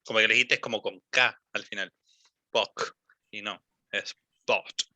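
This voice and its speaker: A young man coaching a student's English pronunciation over a call. He is patient, models each word slowly and fills gaps with ums and eh. His voice is bright and sharp, recorded dry and close. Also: fairly low pitch, steady tone, no echo. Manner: patient, repeats and models words slowly, many fillers. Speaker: English teacher.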